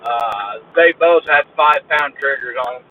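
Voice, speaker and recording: A man's voice: mid-range voice, measured pace. A man driving a truck, chatting casually with viewers of his live stream and greeting them by name. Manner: drawling, talks to chat viewers by name. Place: truck cab on the road. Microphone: phone. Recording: dull phone recording with road noise.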